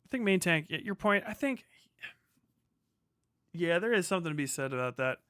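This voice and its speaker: Reading and answering his chat, this American streamer rambles along casually, swearing and using plenty of slang. His high voice is fairly bright with lively intonation at a normal speed, recorded in clean studio sound without echo.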